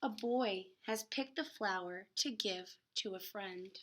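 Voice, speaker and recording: A woman's voice: mid-range voice, measured pace, background noise. A woman reading a picture book aloud to children expressively, with dramatic emphasis and casual, chatty asides. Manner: dramatic emphasis, gasps and exclamations.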